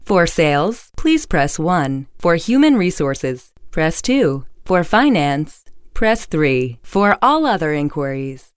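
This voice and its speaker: A woman reading automated phone menu prompts in a polite, measured, clearly enunciated way. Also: on the low side, no echo, studio quality. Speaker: phone system voice.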